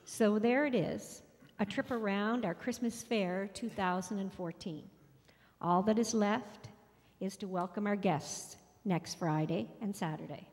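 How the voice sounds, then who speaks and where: A woman's voice: mid-range voice, measured pace, a little mellow. Cheerful woman reading at a church podium. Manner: cheerful, rhythmic listing. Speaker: fair organizer. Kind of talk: reading a prepared announcement. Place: large church sanctuary. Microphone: podium microphone. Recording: long reverb in a church hall.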